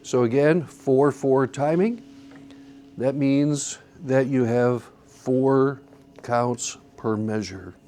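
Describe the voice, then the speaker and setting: Male church music instructor, unhurried delivery, mellow low-key tone, faint room ambience. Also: slight background noise. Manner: patient, methodical, counts beats aloud. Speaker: song leading instructor. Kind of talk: classroom instruction. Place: church classroom.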